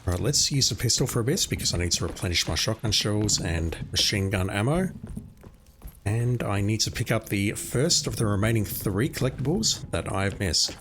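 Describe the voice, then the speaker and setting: A man with a low voice casually commentates a game playthrough. He explains things wryly and swears a little. Faint ambient game noise sits behind him. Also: expressive, moderate pace. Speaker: game streamer.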